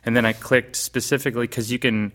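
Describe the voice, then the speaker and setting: A man's voice: mid-range voice, little pitch movement, fast, fairly bright tone. A man co-hosting a casual podcast, telling stories in a chatty way, swearing and acting out his reactions. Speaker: podcast co-host.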